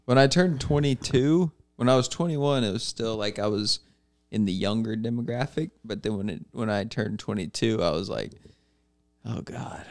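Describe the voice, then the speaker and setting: A man's voice: on the low side, moderate pace, a little mellow. A man, chatting casually on a podcast and laughing often. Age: 20s. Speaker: podcast co-host. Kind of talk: casual chat.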